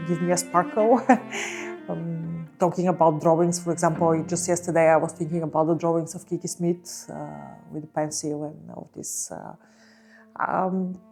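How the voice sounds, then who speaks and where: A woman from Bulgaria with a somewhat low voice talks about her art in a thoughtful interview. She pauses often, filling gaps with soft "uh" and "um" as she searches for words. A faint cello plays behind her. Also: level tone, creaky, soft background music. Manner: hesitant, many pauses and fillers. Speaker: visual artist. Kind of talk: reflective interview talk.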